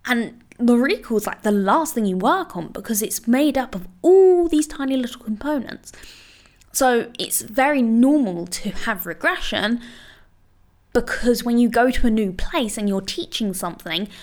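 A woman's voice: fairly high pitch, animated, a little slow, a little mellow. Chatty, reassuring woman dog trainer. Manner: chatty, full of "you know" and "like" fillers; reassuring, encouraging. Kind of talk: casual advice monologue.

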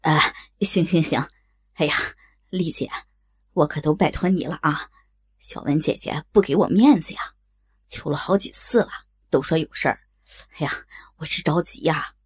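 A woman voicing a hoarse, fawning middle-aged man who begs for a favor on the phone. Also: low-pitched, normal speed, pauses often, voice pushed down. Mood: pleading. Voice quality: raspy. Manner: wheedling, fawning. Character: hoarse pleading middle-aged male client.

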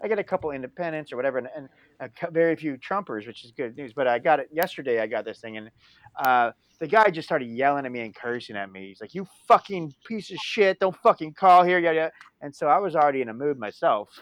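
A man's voice: medium pitch, animated, quick pace, dry recording. A man co-hosting a casual panel chat, talking in a heated, profane way and laughing often. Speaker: podcast co-host.

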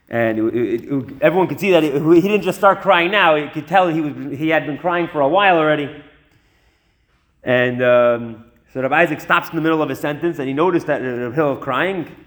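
A high-voiced man tells a religious teaching story in an animated, conversational way. He drifts into chatty asides and often repeats words as he gathers his thoughts. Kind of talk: storytelling lesson.

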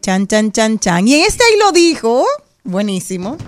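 A woman co-hosting a lively studio chat, playfully reading listener messages aloud. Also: on the high side, normal speed. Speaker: co-host.

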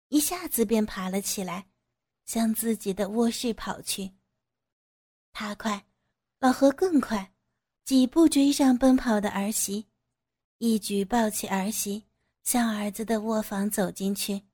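Woman narrating an audio story, higher voice. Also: warm tone.

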